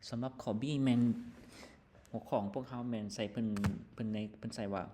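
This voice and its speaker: A man's voice: medium pitch, fairly even intonation, warm tone, slight background noise. Lao-accented man teaching English vocabulary. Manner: reads English words slowly, then explains them quickly with many fillers. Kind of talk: textbook lesson explanation.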